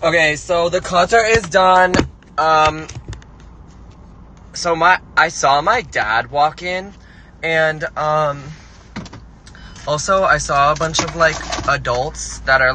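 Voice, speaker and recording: A young man chatting casually into his phone for a vlog, full of "like" fillers and swearing when annoyed. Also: on the high side. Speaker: vlogger. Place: home and in a car. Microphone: handheld phone. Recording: noisy phone recording.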